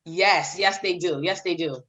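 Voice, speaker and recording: A woman's voice: on the low side, a little slow, a bit bright, rough recording. A middle-aged woman from Haiti, a children's author talking as a guest in a podcast interview, emphatic and repeating phrases for emphasis.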